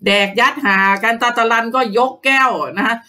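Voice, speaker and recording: Sarcastic woman host, bright voice. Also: a little high, steady tone, moderate pace, recorded from a distance. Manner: sarcastic, scornful, sprinkles polite particles constantly. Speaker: host of a political commentary page. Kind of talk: mocking political commentary.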